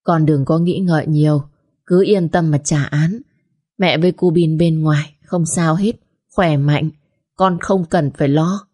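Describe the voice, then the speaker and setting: A woman voicing an elderly mother who gently soothes and reassures her daughter. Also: deep voice, unhurried, husky. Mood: soothing.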